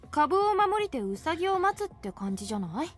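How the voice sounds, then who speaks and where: A woman's voice: very high-pitched, sing-song, fairly quick, over music. An actress voicing a skeptical young woman in a game who asks direct questions. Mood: questioning.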